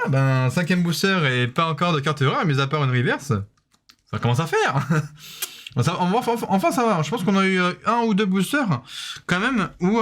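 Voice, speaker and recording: A man with a fairly high voice talks his viewers through opening card packs in a relaxed, rambling way. He fills every pause with hesitations and punctuates each card with a quick "voilà". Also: slight background noise. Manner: says "voilà" after nearly every card, hesitant with many fillers; chatty, addresses viewers directly. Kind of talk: casual unboxing commentary.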